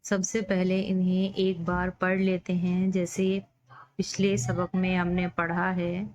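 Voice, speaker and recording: A woman teaching letter sounds, slowly drawing out and repeating each sound. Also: lowish voice, completely flat delivery, a little mellow. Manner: drawn-out, demonstrating each sound by repetition. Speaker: Urdu pronunciation teacher. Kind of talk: slow spoken lesson on letter sounds.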